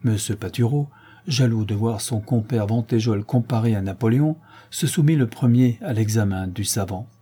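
A man narrates a classic novella in a measured, expressive way. His voice is mellow and warm, with a husky, slightly rough texture. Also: lowish voice. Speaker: audiobook narrator. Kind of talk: reading a 19th-century novella aloud.

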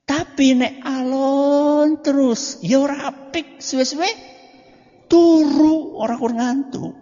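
A man preaching, his high voice rising and falling widely as he poses questions and answers them himself with humor. He talks slowly, shifting from loud to soft. The recording is dull and lo-fi, with a long reverb from the hall. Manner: swings between loud and soft delivery. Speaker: Islamic preacher. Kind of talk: religious study lecture.

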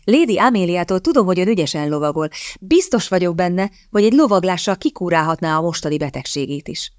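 A woman's voice: on the low side, animated, darkish tone, no room sound, studio quality, lightly acted. A woman reading the lines of a shrewd, charming young lady in an audiobook, polite and calculating. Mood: sweetly scheming.

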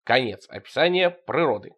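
Man, reading a bawdy surreal story aloud, wry deadpan narration, lively swooping pitch, mid-pitched voice. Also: normal speed.

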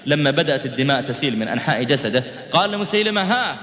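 A man preaching and telling a story in a dramatic, rhythmic style with sweeping swings in pitch. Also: big pitch swings, racing, a bit bright. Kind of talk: sermon storytelling. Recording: reverberant hall.

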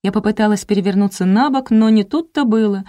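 A woman narrating a detective novel in the first person, with even, wry storytelling. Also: medium pitch, fast. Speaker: audiobook narrator.

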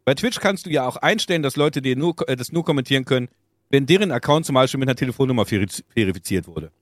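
A man co-hosting a podcast, chatting casually about streaming, speaking haltingly with many restarts. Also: medium pitch, lively intonation, no room sound, clean studio sound. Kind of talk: casual chat.

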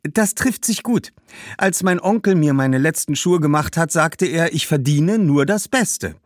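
A man's voice: fairly high pitch, expressive, unhurried, no echo, clean studio sound, pitched above the performer's own voice. Man putting on a sweet young village girl. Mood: polite, hopeful.

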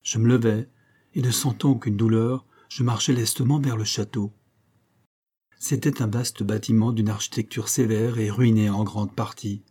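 A man reading a classic story aloud in a measured, even narrating manner. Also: on the low side, breathy edge. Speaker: audiobook reader. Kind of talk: scripted literary narration.

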